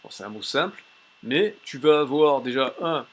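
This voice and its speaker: A man teaching a language tips lesson in a casual, chatty way, pausing often with fillers as he shows a website on screen. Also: mid-range voice, lively intonation. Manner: chatty, many "euh" fillers and restarts. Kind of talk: casual tutorial with screen demo.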